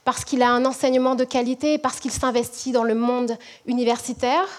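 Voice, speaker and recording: A woman from French Guiana, a management professor, giving a measured, reflective prepared talk to an audience. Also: on the high side, level tone.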